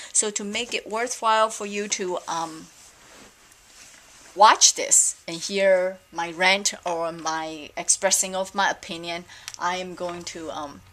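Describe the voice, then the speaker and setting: A woman's voice: fairly low pitch, fairly bright tone. A middle-aged woman from Taiwan, ranting casually in a vlog with many fillers and an exasperated manner. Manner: rambling, exasperated, frequent fillers. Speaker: vlogger. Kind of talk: casual opinion rant.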